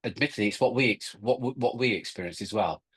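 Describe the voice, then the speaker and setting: Middle-aged male webinar co-host, husky tone, emphatic delivery with frequent restarts. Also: on the low side, fast talker, a bit bright. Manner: emphatic, repeats words, restarts often. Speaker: co-host of recruiting workshop. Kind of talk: webinar presentation.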